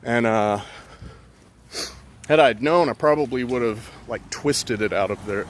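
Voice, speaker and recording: A man's voice: mid-range voice, measured pace, a little hiss or hum. A man casually telling a personal story outdoors, rambling and profane with many fillers.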